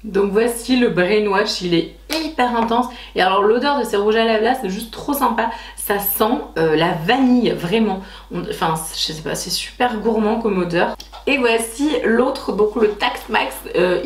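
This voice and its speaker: A woman's voice: mid-range voice, roomy sound, far from the mic. A woman chatting enthusiastically in a casual beauty haul vlog, with many fillers and restarts. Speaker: beauty vlogger.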